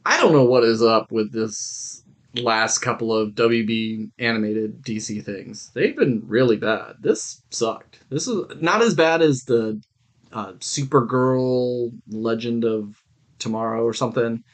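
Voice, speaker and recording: A man co-hosting a podcast reviews movies and shows in casual, informal conversation. His voice is medium-pitched and a little slow.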